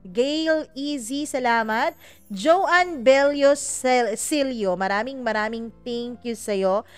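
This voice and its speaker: A woman's voice: fairly high pitch, slow, clear, resonant tone, dry recording, soft background music. A woman hosting a story podcast, chatting casually as she reads out listener greetings and teases with playful jokes. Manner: chatty, teasing, laughs at her own jokes. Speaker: podcast host reading listener shout-outs. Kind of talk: casual chat.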